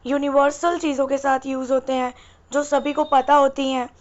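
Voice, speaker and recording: A woman's voice: high voice, level tone, moderate pace, highs cut off. A woman teacher giving an exam-prep English grammar lesson, asking the class questions and answering them herself.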